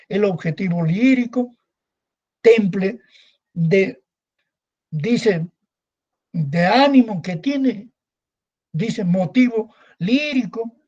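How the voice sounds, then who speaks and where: A man's voice: high-pitched, mellow, dull audio. A male secondary school teacher giving a recorded class, repeating points and asking rhetorical questions that he answers himself. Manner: repetitive, asks rhetorical questions and answers them. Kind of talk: recorded online class lecture.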